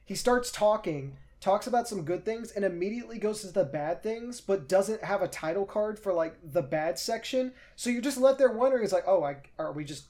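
A woman's voice: medium pitch, moderate pace, hardly any pauses. A woman co-hosting a podcast, telling stories in casual chat with exasperated rants. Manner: animated storytelling, exasperated rants. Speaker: podcast co-host.

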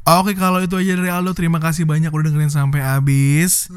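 A man's voice: a little high, level tone, fast talker, over loud music. A young man hosting a casual podcast, easygoing with dry teasing. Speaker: podcast host.

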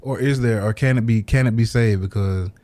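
Laid-back low-voiced man talking casually. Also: brisk, darkish tone. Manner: laid-back, rambling, laughs often. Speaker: podcast host. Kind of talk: casual conversation.

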